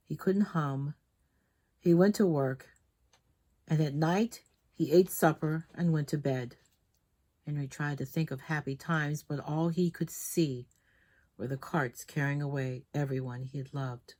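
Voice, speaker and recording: A female storytime host with a low-pitched voice reads a children's book aloud, expressive and dramatic, leaning on key words.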